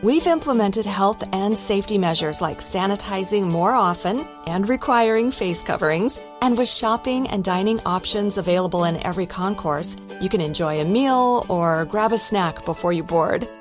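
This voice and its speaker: A woman's voice: medium pitch, expressive, normal speed, few pauses. Woman announcer over prominent music. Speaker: advertisement announcer. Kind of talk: scripted commercial narration.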